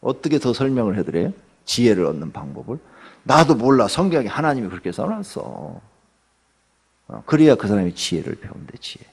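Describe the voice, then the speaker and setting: Gravelly, husky male pastor, swooping pitch; chatty dawn sermon with quick questions to the pews. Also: sing-song, a little mellow. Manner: conversational, asks the congregation questions; acts out everyday people in quotes, joking. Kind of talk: early-morning sermon.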